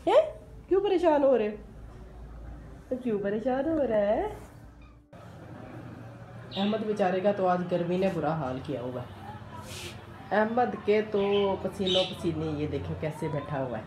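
A woman's voice: mid-range voice, lively intonation, a little slow, long pauses, dark tone, slight background noise. A woman with a Pakistani Urdu accent, playfully teasing a toddler in a sing-song voice while filming a home vlog. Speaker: vlogger. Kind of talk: playful baby-talk narration to a child. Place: home during a power cut.

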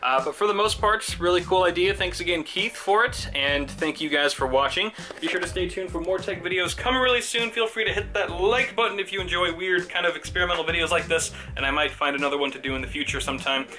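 A man's voice: sits high, fast talker, few pauses, bright, forceful tone. A man around thirty narrating a casual tech vlog with a wry, tongue-in-cheek streak. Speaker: tech video host. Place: indoor room at home with computers.

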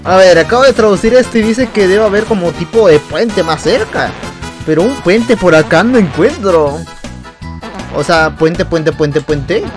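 A man giving excitable, rambling gameplay commentary, laughing often. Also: high voice, a little slow. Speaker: YouTuber. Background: game music.

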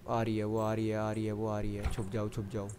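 A man's voice: on the low side, monotone, a little fast, darkish tone, slight background noise. A man giving running commentary on a horror game, chatting to himself and the viewer and breaking into panicky bursts when the enemy shows up. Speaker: gamer.

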